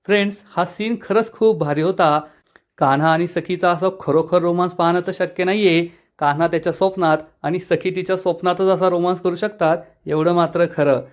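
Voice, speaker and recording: A man narrating a TV serial episode recap in a lively storytelling manner. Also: high voice, brisk. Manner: lively storytelling, acting out quotes.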